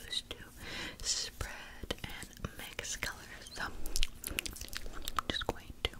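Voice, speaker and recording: A woman in her twenties doing a soothing whispered role-play as a face painter, close to the mic, with breathy whispering, tingly mouth sounds and softly repeated words. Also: slow. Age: 20s. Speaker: ASMR artist playing a face painter. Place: indoor room at home. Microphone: close to the mic, face near camera.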